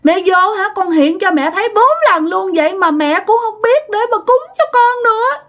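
A woman's voice: very high voice, animated, moderate pace, a bit bright, slight background noise, pitched above the performer's own voice. A woman voicing the ghost of a young child who was abandoned, reproachful and pleading. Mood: plaintive. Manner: childish whining, clingy and reproachful. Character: wronged ghost girl-child, sulky, whining, pleading. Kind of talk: storytelling.

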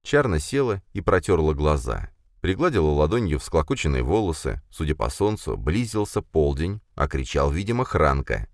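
A man narrating a fantasy novel in a measured, even reading. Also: very deep voice, dry recording, clean studio sound. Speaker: audiobook narrator. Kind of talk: scripted narration.

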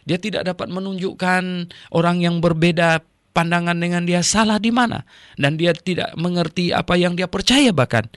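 A man's voice: high-pitched, moderate pace, fairly bright tone, dry recording, studio quality. A man teaching the Bible on radio in a folksy, conversational way, repeating his phrases and tagging them with a questioning "ya", with the odd chuckle.

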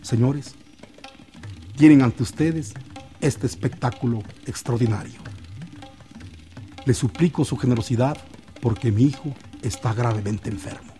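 Crafty snake charmer guy hustling a crowd, dark mellow tone, as a storyteller puts him on. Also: mid-range voice, a little slow, long pauses, faint music behind, natural voice. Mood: pleading showman. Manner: theatrical, pleading barker's patter. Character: crafty showman snake charmer, grown man.

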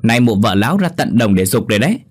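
Guy doing a nasty village wife, high shrill voice, loud yelling. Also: sing-song, fast, slightly rough. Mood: scolding. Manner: shrill, shouting scolding. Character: shrewish young village wife, scolding and spiteful.

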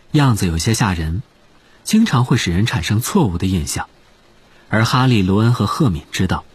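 A man narrating an audiobook in an expressive storytelling manner. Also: lowish voice, slightly rough.

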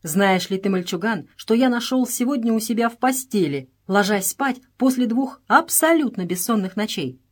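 A woman's voice: on the high side, lively intonation, normal speed, hardly any pauses, voice pushed up. A woman voicing a grumbling English servant man who complains indignantly and pleads in a storybook reading.

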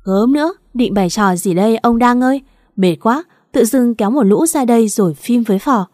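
A scornful, sharp-tongued mother-in-law who scoffs impatiently, as a woman narrator puts her on. The voice is mellow and lifts a little above the narrator's own. The sound is dry and close. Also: medium pitch, brisk, no room sound, natural voice. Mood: scoffing.

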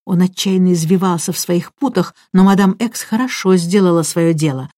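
Woman narrating a story in a warm low voice. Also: normal speed, no room sound, clean studio sound. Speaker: audiobook narrator. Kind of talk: scripted narration.

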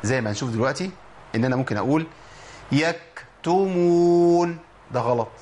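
A man with an Egyptian accent teaching tajweed, drilling letter sounds slowly and repeating example words. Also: mid-range voice, slight background noise. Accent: Egyptian Arabic. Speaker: Quran recitation teacher. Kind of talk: Egyptian Arabic tajweed lesson.

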